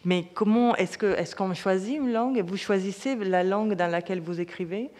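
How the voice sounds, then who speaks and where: Woman panel moderator, halting question-asker, mid voice, echoing hall. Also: mid-range voice, darkish tone. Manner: searching, restarts often while framing questions. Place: conference hall. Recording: reverberant lecture hall.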